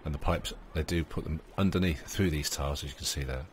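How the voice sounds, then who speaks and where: A very deep-voiced man narrates gameplay quickly for his gaming channel, with slight background noise. His let's play commentary is rambling and full of fillers as he thinks aloud and talks to his game characters.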